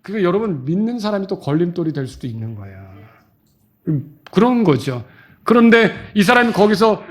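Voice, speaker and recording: A middle-aged man preaching a sermon as pastor, acting out quoted voices and shouting at the high points.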